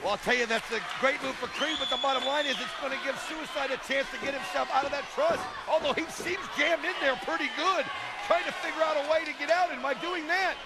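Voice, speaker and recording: A man giving animated, emphatic, opinionated color commentary on live wrestling in a conversational way. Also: very high-pitched, fast talker, vocal fry, very noisy. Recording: loud crowd and music behind. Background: arena crowd and music.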